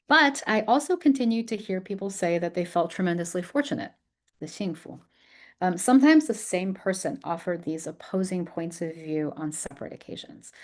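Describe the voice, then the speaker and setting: A woman's voice: on the low side, a little mellow. A woman researcher giving an academic lecture, speaking thoughtfully with frequent ums and small restarts.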